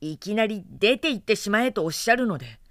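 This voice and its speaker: A woman narrator voicing a young male storm god who pleads his case quickly and politely, in a dry, close storybook reading. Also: mid-range voice, sing-song, no echo, lightly acted. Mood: earnest pleading. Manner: polite, rapid pleading speech.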